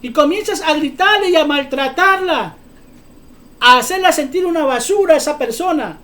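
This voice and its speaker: A male preacher delivers a sermon in a high, ringing voice. He talks fervently and often breaks into shouting. He drives his points home with rhetorical questions. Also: expressive, normal speed.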